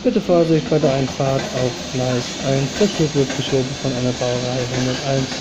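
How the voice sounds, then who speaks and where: A man giving train commentary in the flat, formulaic manner of a platform announcement, outdoors at a station. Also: medium pitch, normal speed. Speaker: train-spotting video maker and commentator. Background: loud ambience and vehicle noise.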